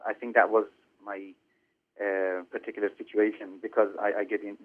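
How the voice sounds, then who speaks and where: Halting Iranian-born man on a phone line. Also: on the low side, flat delivery. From Iran. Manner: halting, many fillers and restarts. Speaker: film director. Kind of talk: interview over the phone.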